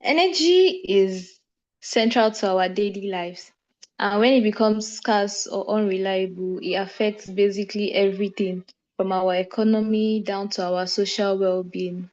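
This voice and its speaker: A woman presents for her group in an online mentorship class. Her voice sits at a middle pitch and comes through dull, lo-fi screen-recorded video call audio. She explains steadily and sometimes corrects herself. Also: unhurried. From Nigeria. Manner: steady explanatory delivery with brief self-corrections. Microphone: computer microphone on a video call.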